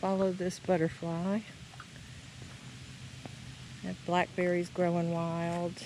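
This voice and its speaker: A woman talks slowly in a slightly low voice, as if showing visitors around. Her manner is casual and plainspoken, like a home garden tour. It is recorded outdoors, with clear background noise of crickets and insects. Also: level tone. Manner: unhurried, plainspoken.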